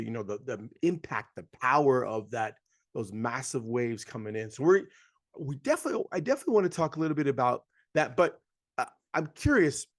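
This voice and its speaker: A man hosting a podcast interview, upbeat and enthusiastic, sometimes rushing through his words. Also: mid-range voice. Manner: upbeat, enthusiastic, with bursts of speed. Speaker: podcast host.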